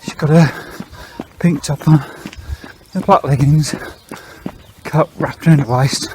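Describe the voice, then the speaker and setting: A man's voice: a little high, steady tone, a little mellow, slight background noise, low-quality recording. A man, out of breath as he talks to the camera while running outdoors on a foggy early morning. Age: 50s. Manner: chatty and frank, with breathy pauses between phrases. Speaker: vlogger.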